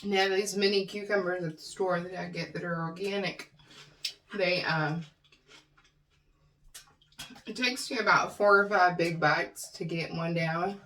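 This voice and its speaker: A woman's voice: on the low side, steady tone, a little slow, pauses often, bright, forceful tone. A middle-aged woman chatting casually to viewers as she eats, chewing while talking and humming over her food. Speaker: mukbang vlogger. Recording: roomy, distant mic with faint noise.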